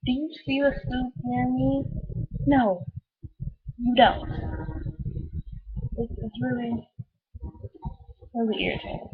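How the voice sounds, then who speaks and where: Exasperated woman ranting, husky, tinny sound. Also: fairly high pitch, fairly even intonation, slow pace, long pauses. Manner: exasperated, emphatic, mimics customers in quoted asides. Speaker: sandwich shop worker venting about customers. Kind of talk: casual spoken rant. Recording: tinny, phone-like narrow band.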